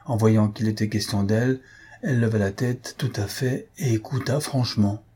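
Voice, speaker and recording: Guy reading a classic novel aloud, dark mellow voice, a bit husky. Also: fairly low pitch, fairly even intonation, moderate pace. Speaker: audiobook reader. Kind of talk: novel narration.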